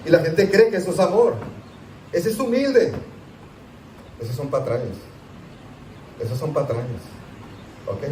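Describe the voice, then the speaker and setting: A man, a pastor, teaching a Sunday school class in a conversational, animated way, asking his listeners rhetorical questions. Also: a little high, a little slow, long pauses, noisy background. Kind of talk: sermon teaching. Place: church hall. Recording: echoey church room, distant mic.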